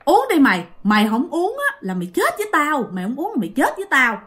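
A grim old ghost crone, pushy and threatening, voice pitched up high, as a woman storyteller puts her on. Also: huge pitch swings, quick pace, fairly bright tone, exaggerated voice. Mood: menacing. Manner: coaxing then threatening. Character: menacing old female ghost hag.

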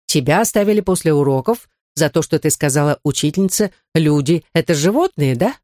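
A woman voicing a kind older woman who gently and patiently advises a young girl. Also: low voice, animated, brisk, no room sound, studio quality. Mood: gentle.

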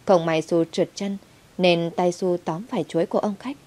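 A woman's voice: lowish voice, steady tone, normal speed, dark tone. A woman narrating a first-person story in a dramatic, heated way. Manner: dramatic, heated when quoting herself.

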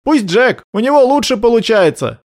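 In this audiobook narration, a man voices an eager, loud young male soldier, pitching very high above his own natural voice. The delivery is very animated and heavily acted at normal speed. The studio sound is clean, with no room sound.

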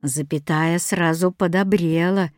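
Expressive woman reading a storybook. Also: fairly low pitch, unhurried, no echo, studio quality. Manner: lively, expressive. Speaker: reader.

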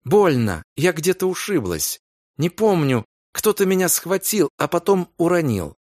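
A man's voice: fairly high pitch, very animated, unhurried, a little mellow, dry recording, studio quality, pitched above the performer's own voice. Man doing a frightened fragile young wife. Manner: pleading, breathless, fretful.

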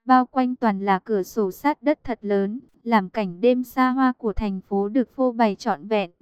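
A woman narrating an audiobook in an even storytelling manner. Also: a little high, a little slow, smooth, no echo. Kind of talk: scripted narration.

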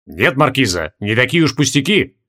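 Audiobook role: man reading blustering male guard captain, gruff, scolding, lively delivery. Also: medium pitch, moderate pace.

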